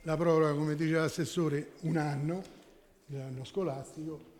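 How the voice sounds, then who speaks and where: A man's voice: on the high side, steady tone, unhurried, darkish tone. A man speaking as a town councillor in a formal council debate, arguing and often correcting himself. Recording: echoey council chamber.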